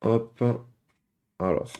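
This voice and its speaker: A man's voice: drawn-out words, mellow. A young man hosting a casual reaction video at home, chatting to his viewers with lots of hesitations and filler words. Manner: chatty, many hesitations, addresses viewers as "guys".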